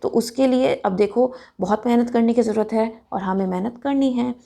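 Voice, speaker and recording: A woman teaching a Hindi grammar lesson for children, pronouncing each word slowly and deliberately. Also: a little high, gravelly, warm tone. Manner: slow and deliberate, drawing out words.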